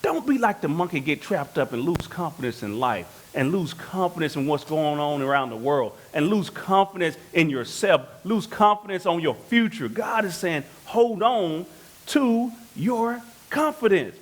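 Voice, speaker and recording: A man's voice: on the high side, sing-song, moderate pace, few pauses. A man preaching a sermon in church, calling questions out to the congregation and telling stories. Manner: preaching with calls to the congregation, storytelling. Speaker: pastor.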